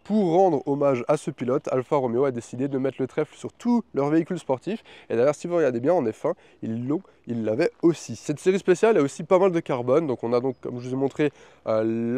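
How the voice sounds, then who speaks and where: A man's voice: medium pitch, warm tone, no echo. A man presenting a chatty, enthusiastic car review, talking from the driver's seat and then beside the car.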